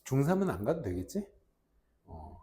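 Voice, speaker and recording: A man's voice: mid-range voice, normal speed. A man in his forties, a private academy English teacher, casually telling a story to his class in a classroom and acting out the voices of kids. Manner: animated, acts out kids' voices.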